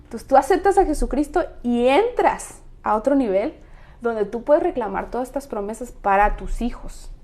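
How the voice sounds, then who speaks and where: A woman's voice: a little high, animated, moderate pace, dark tone. A middle-aged woman talking earnestly about faith and prayer, her voice rising with emphasis. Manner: earnest, emphatic, preacherly rises. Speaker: co-host of women's ministry talk. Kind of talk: casual faith talk.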